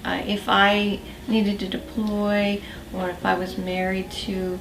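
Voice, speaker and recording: A woman air force veteran recalling her service in a measured, slightly hesitant way. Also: medium pitch, little pitch movement. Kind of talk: interview testimony. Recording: echoey, distant, noisy room.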